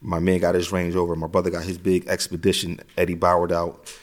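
Speaking fairly quickly in a low, monotone voice, a middle-aged American interview guest recounts his story casually and streetwise. He repeats phrases and frequently drops "you know what I'm saying."

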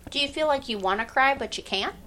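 A woman hosting a casual group discussion and gently prompting others with follow-up questions. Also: sits high, animated, fast, slight background noise, rough recording. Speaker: group facilitator and host.

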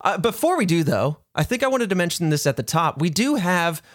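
A man's voice: high voice, sing-song, brisk, no room sound, clean studio sound. A man hosting a podcast, explaining a story in a casual, conversational way. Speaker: podcast host.

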